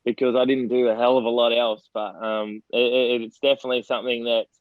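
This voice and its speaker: A man's voice: medium pitch, flat delivery, fast, no room sound, narrow, tinny audio. An Australian man in his forties, a former footballer telling rambling anecdotes in a casual podcast interview, often laughing as he talks.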